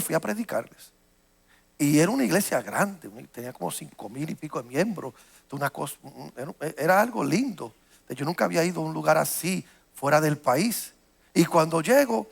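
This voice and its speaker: A man preaching from the pulpit, his voice high and gravelly as he tells a long personal story. He stumbles over repeated words and restarts, and he grows more animated as the story builds. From United States. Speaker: pastor. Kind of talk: sermon.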